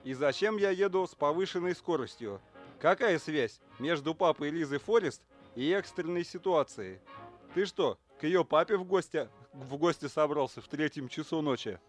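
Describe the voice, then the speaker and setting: A man voicing a calm, pondering cop. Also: on the high side, soft background music, close to an everyday voice. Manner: measured, reasonable. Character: calm, pondering adult male cop partner. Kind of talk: audiobook character reading.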